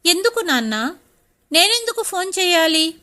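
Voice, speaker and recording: A woman's voice: very high-pitched, big pitch swings, normal speed, bright, forceful tone, pitched above the performer's own voice, heavily acted. A woman voicing a stubborn, hurt young wife in a story, pleading with a raised voice. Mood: upset.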